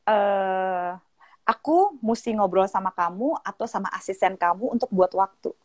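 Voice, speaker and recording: A woman's voice: mid-range voice, steady tone, moderate pace, no room sound. A woman hosting a casual advice chat on a live stream. She slips into English and acts out quoted lines. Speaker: host and sexologist. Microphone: phone mic on a live video call.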